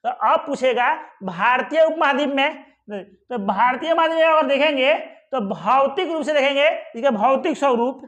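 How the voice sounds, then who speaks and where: Here a male teacher with a very high, fairly bright voice talks at normal speed. During his exam-prep geography lesson at a map he questions and answers himself, offering plenty of reassurance through repeated "ठीक है" and "आराम से".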